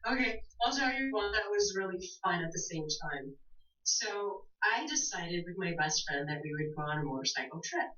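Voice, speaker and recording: Woman, forties, low-pitched, animated storyteller, laughs a lot, distant mic, echoey and muffled. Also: moderate pace. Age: 40s. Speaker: guest speaker. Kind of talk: casual interview chat.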